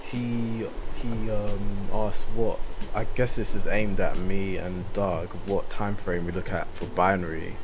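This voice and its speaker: A man in his twenties co-hosting a podcast and reading out listener questions, soft-spoken and trailing off with hedges. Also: deep voice, level tone, slow, few pauses, background noise. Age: 20s. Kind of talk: casual group chat.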